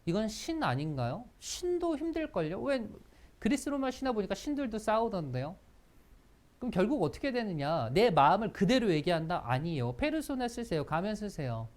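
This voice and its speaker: A lively instructor leads a workplace etiquette lesson for students, with pitch that swings widely from line to line. The delivery keeps breaking into little acted-out example phrases before returning to explanation. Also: moderate pace. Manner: lively, acts out example lines in quotes. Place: school training session.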